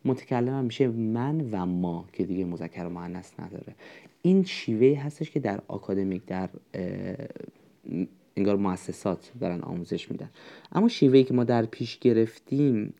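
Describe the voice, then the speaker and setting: A man's voice: low-pitched, vocal fry, dark tone. A man teaching a spoken language lesson, patiently explaining step by step and reading out word lists one by one. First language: Persian.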